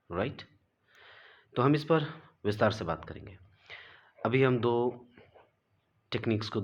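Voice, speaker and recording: A man gives an unhurried pronunciation lesson in a low, husky voice. He spells out each word letter by letter, says it twice, and checks in with "right?" before going on. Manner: spells words letter by letter and repeats them, asks "right?". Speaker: English pronunciation teacher. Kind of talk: classroom lesson, explaining rules slowly.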